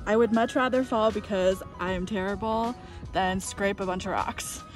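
A woman's voice: mid-range voice, fairly even intonation, normal speed. A young woman vlogging while she skis, chatting casually and exclaiming as she goes, recorded outdoors on an action camera. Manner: chatty, exclaiming, frustrated about rocks. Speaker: ski vlogger. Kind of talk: casual vlog commentary. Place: outdoors on a ski slope. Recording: music playing under the voice.

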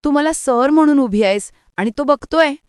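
A woman voicing a calm young husband who reassures gently and drawls slow English phrases. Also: high-pitched, no echo, studio quality, voice pushed up, lightly acted. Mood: soothing.

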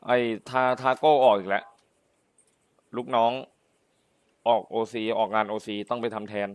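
A man's voice: on the low side, fairly even intonation, a little slow, no room sound. A man in a roleplay game stream, playing a gang boss who lectures his crew, repeats himself and exclaims. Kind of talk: in-character roleplay chat on a game server.

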